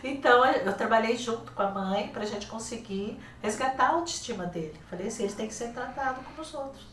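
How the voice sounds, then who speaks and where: A woman's voice: on the high side, brisk, distant mic, a little hiss or hum. An older woman with a Brazilian Portuguese accent, a teacher telling classroom stories in a TV interview, acting out quoted dialogue. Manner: lively, acts out quoted dialogue. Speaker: guest author and teacher. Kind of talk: casual interview storytelling. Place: TV studio. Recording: roomy, off-mic studio sound.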